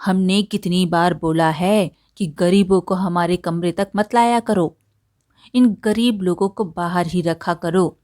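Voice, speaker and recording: A woman's voice: medium pitch, takes it slowly, a little mellow, dry recording, clean studio sound, close to an everyday voice. A woman voicing an arrogant middle-aged male landlord who scolds with contempt, in a storybook tale. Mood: angry.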